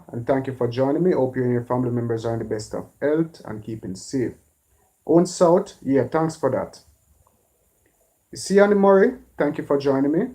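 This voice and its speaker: Jamaican man, mellow live-stream host. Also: medium pitch. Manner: relaxed, drawn-out shout-outs and blessings. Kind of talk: live stream chat, reading viewer names.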